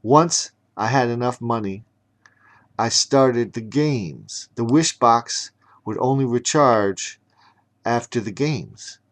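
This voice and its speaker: A man's voice: mid-range voice, lively intonation, slow pace. A man voicing a boastful sixteen-year-old boy villain who runs deadly games, in a storybook reading. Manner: bragging, resentful monologue.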